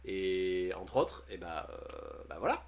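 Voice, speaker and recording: A man with a low, creaky, sing-song voice streams at a measured pace, reading posts aloud. He comments on them casually, full of jokes and frequent laughter.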